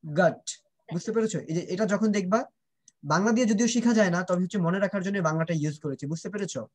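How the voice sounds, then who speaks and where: This high-pitched, fast-talking, slightly mellow man is teaching kids pronunciation online. Moving between Bengali and English, he drills the sounds and repeatedly checks that the students understand.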